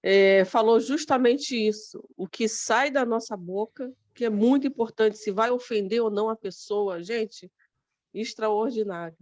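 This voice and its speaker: A woman's voice: on the high side, a little slow, darkish tone, no room sound. A woman in a study group recounting her day with emphatic exclamations over a video call. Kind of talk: casual group discussion. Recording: dry, dull call audio.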